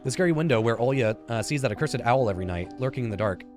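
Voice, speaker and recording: His voice is mid-range, expressive, and a little mellow, and he talks very fast. This man in his thirties, a gaming YouTuber doing a let's play, reads visual novel narration aloud casually, fumbling words and chiming in with comments. Game music plays while he sits at a computer in an indoor room.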